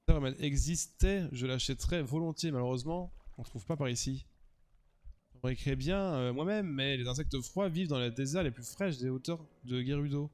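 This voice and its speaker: Un homme qui lit un voyageur oiseau inquiet. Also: male voice, medium pitch, a little fast, darkish tone, lightly acted. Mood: worried.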